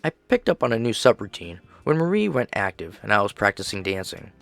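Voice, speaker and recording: A man's voice: lowish voice, sing-song, brisk, gravelly, soft background music. A man voicing a polite female animatronic dancer. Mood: polite, measured.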